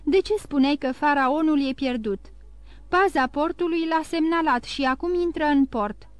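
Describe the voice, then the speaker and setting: A woman's voice: high voice, dry recording, lightly acted. A woman reading an eager young son. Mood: urgent. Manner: urgent, eager questions.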